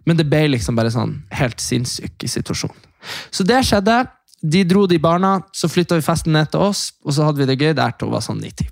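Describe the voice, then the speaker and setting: A young man telling a long story in casual chat, animated and swearing, acting out other people's shouts. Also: a little high, vocal fry, no echo, studio quality. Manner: animated, acts out quoted voices loudly; swears a lot, fast rambling.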